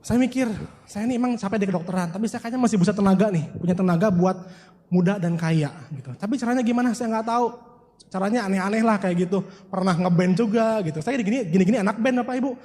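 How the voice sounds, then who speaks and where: A man's voice: sits high, fast, darkish tone. A man giving a motivational seminar talk, telling stories and addressing the audience directly. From West Java, Indonesia. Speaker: motivational speaker. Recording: long hall reverb.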